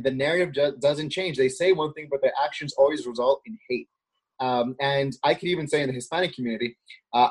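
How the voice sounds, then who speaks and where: A man's voice: a little high, slightly rough. A man from Queens, a talk show guest who talks casually with many fillers and rising indignation. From Queens, New York. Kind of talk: political talk show chat.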